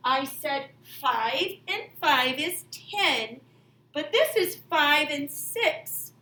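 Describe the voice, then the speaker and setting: A woman's voice: high voice, animated, drawn-out words, bright, forceful tone. A woman teacher talking to children like a kids show host, explaining step by step with exaggerated exclamations. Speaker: elementary math teacher demonstrating a game. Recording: echoey room, distant mic, faint noise.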